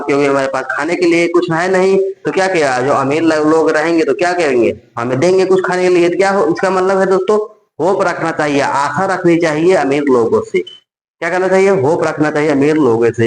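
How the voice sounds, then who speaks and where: A man with a fairly high-pitched voice teaches an exam-prep lesson built on memory tricks, drilling each phrase several times and posing questions he then answers himself. The low-quality recording has an echoey room sound.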